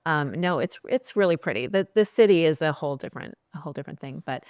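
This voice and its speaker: Low-voiced chatty woman from California. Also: lively intonation, quick pace, darkish tone, no room sound, clean studio sound. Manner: chatty, laughing, many fillers. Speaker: guest, skincare founder. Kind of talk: casual interview chat.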